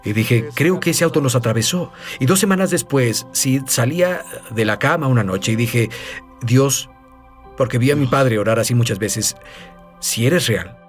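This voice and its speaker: A man's voice: mid-range voice, a little slow, soft background music. A man telling his life story as a guest minister in an interview, earnest and storytelling. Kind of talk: testimony in a talk-show interview.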